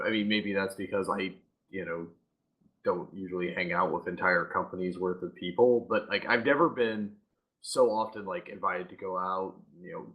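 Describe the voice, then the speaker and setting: A man's voice: low-pitched, highs cut off. A man on a casual community livestream panel, heartfelt and full of filler words.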